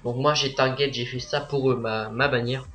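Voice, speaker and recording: A teenage boy narrating a software tutorial as a voice-over, hesitant and full of filler sounds. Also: medium pitch, steady tone, normal speed, faint music behind. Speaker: tutorial maker.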